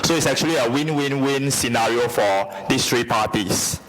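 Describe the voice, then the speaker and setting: A man's voice: mid-range voice, moderate pace, very noisy. Young man presenting formally. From Singapore. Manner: steady, methodical, structured delivery. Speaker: youth forum presenter.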